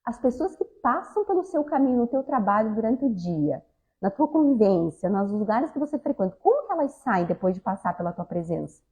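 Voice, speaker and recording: A woman's voice: a little high, big pitch swings, a little fast, warm tone, rough recording. A woman giving a spiritist talk, speaking conversationally and often addressing the audience directly. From southern Brazil. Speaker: lecturer at a spiritist center.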